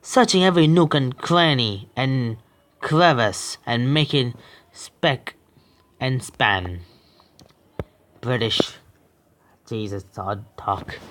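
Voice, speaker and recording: Reading a horror visual novel out loud, a young man trips over words and fixes them with hasty apologies and little reactions. His voice sits at a medium pitch with a fairly bright tone.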